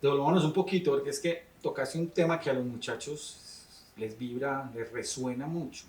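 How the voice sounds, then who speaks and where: A man's voice: medium pitch, moderate pace, darkish tone, recorded from a distance. A man, a teacher interviewing a guest in a thoughtful, rambling way. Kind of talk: conversational interview questions. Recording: roomy, off-mic sound.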